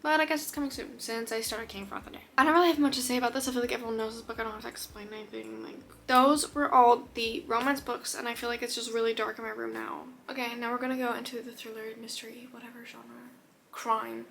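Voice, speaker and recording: A woman chatting casually as a book vlogger, gushing and excitable, sometimes dropping to a whisper. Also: on the high side, fast, vocal fry, a little hiss or hum. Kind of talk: casual chat. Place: her room. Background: faint rain.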